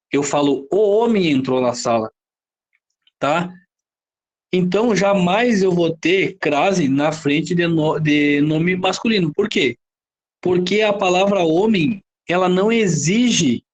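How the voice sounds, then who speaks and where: A Brazilian man with a notably high-pitched voice gives a classroom-style grammar lecture. He keeps asking rhetorical questions and checking in with his students as he explains each rule. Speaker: Portuguese teacher.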